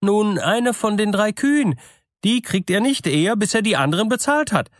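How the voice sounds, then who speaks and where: Guy doing a high squeaky dim farm wife, real smug about it, fairy tale read-aloud. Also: animated, normal speed, dry recording, studio quality. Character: simple-minded farmer's wife, proud of herself.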